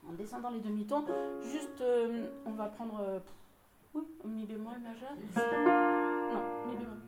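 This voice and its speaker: A woman's voice: a little high, steady tone, unhurried, echoey room, over loud music. A woman leading a choir rehearsal, encouraging the singers and explaining vocal exercises, sometimes singing examples. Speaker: choir director.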